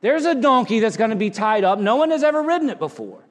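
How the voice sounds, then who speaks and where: A male pastor preaching a sermon from the pulpit, with dramatic pauses and sudden hushed drops in his delivery. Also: extremely high pitch, sing-song. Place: church sanctuary. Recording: long hall reverb.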